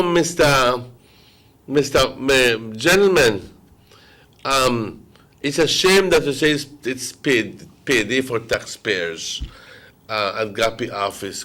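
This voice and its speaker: This morning show host is a man with a Belizean Creole accent and a mid-range, slightly bright voice. He runs an impassioned political talk show, sounding indignant and emphatic and repeating phrases for stress.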